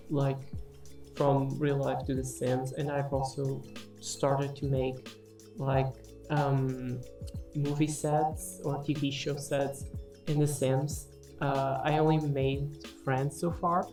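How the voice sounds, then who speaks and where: Low, unhurried woman, non-native English speaker. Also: darkish tone. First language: not English. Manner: self-deprecating, hesitant. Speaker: gaming video creator. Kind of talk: casual unscripted voice-over commentary.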